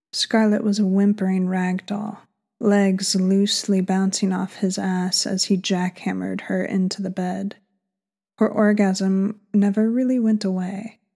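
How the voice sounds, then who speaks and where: A woman author reads her own erotic fiction at an unhurried, lingering pace. Her voice is mellow and dark, with a gravelly fry running through it. She slips into breathy whispers in places. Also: medium pitch. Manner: slow, breathy, sultry reading that sometimes drops into a whisper. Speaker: author and co-host. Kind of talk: reading an erotic story aloud.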